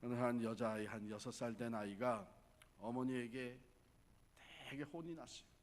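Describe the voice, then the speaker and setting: A man's voice: mid-range voice, normal speed. A man preaching a fervent revival sermon in a large church hall, dropping in English words. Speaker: pastor. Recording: long reverb of a large hall.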